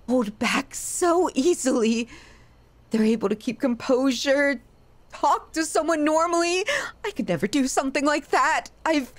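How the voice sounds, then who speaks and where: A woman plays an unhinged yandere, obsessive and possessive in her love, in a dramatic ASMR roleplay monologue. Her high, slightly mellow voice draws words out slowly in a halting, emotional delivery that feels broken and confessional.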